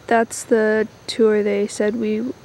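Filming a hike through mountain village paths on a handheld camera, a young woman talks slowly in a level, mid-range voice. The travel vlogger is casual and playful, cooing at animals and kids, and the outdoor camera-mic audio is noisy.

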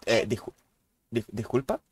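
Swearing, excitable young gamer. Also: male voice, mid-range voice, unhurried, slight background noise. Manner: swears a lot, loud baffled outbursts. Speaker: gaming youtuber. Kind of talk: casual gameplay commentary.

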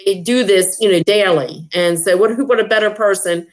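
A woman speaking fairly quickly in a medium-pitched voice hosts, as association president, a casual discussion of upcoming member events. She comes across as enthusiastic, often repeating herself and restarting amid plenty of filler words.

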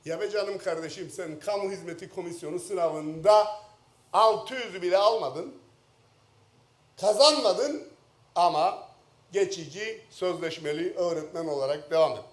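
Impassioned middle-aged Cypriot MP at a lectern microphone, pitched high, roomy hall sound. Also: male voice, moderate pace. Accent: Turkish Cypriot. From Northern Cyprus. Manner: speaking at a lectern microphone in the chamber; impassioned, swings from low jabs to shouted outbursts. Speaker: member of parliament. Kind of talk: parliamentary floor speech. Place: parliament chamber. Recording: roomy chamber echo.

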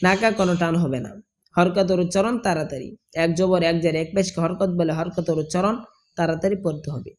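A man with a Bangladeshi Bengali accent teaching correct recitation, explaining each sound and then chanting the phrase slowly and drawn out. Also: sits high.

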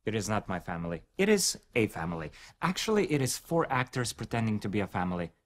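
A man's voice: on the low side, big pitch swings, fast talker. A man presenting a product launch in a scripted, joking way, full of playful self-mocking asides.

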